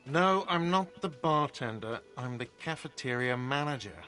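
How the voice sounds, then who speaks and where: A man's voice: mid-range voice, lively intonation, moderate pace, pushed and bright, soft background music. A man voicing a defensive, touchy cafeteria manager who talks in a whiny, indignant way.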